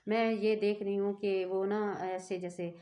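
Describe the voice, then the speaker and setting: A woman's voice: medium pitch, flat delivery, measured pace, mellow. A woman telling a personal story in a rambling, earnest way that keeps interrupting itself. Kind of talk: casual storytelling to camera.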